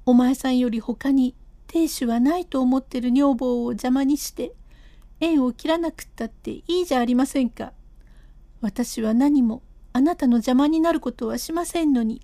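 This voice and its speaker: A stubborn, proud wife played by a woman reader in a raised, insistent voice. The tone is mellow rather than bright, and the reading is close and dry, a storybook performance of a classic comic tale. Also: sits high, no echo. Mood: distraught. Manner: insistent, rising and pleading.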